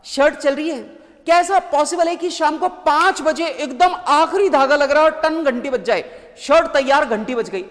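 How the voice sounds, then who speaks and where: A man lecturing a class in a joking, lively way. He keeps asking the students questions and telling them to answer. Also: extremely high pitch, long reverb tail. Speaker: teacher.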